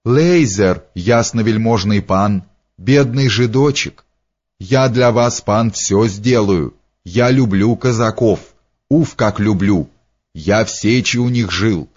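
A man voicing an excitable, fawning little man who speaks broken, exclaiming phrases. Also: fairly low pitch. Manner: broken grammar, exclamations, drawn-out words. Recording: dull lo-fi recording.

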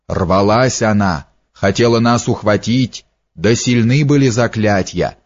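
A man voicing a hoarse, muttering old male sorcerer who boasts and threatens, in a dull lo-fi audiobook recording. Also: fairly low pitch, unhurried.

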